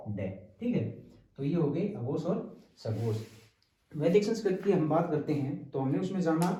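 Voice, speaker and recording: A man with a fairly high but mellow voice gives a patient exam-prep lecture, repeating key terms and checking in with his students. He sounds a little far from the mic, in an echoey room. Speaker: Hindi teacher. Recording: roomy, distant from the mic.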